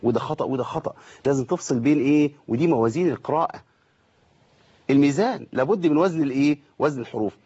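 A middle-aged man with an Egyptian accent teaching Quran recitation online, correcting students and slowly demonstrating each sound. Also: mid-range voice, dark tone, breathy edge, muffled recording. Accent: Egyptian Arabic. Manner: corrective, demonstrates letters slowly and repeats them. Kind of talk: online tajweed lesson.

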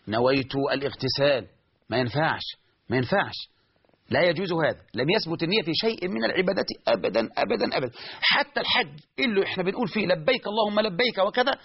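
A man with an Egyptian Arabic accent giving a religious lesson as a preacher, lively, asking his listeners questions and answering them himself. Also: fairly high pitch, husky, highs cut off.

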